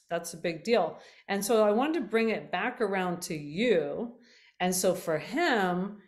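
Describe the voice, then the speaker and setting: A middle-aged woman hosting a casual health talk for her viewers, chatty, full of fillers and self-corrections, her voice a little worn as if she is losing it. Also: medium pitch.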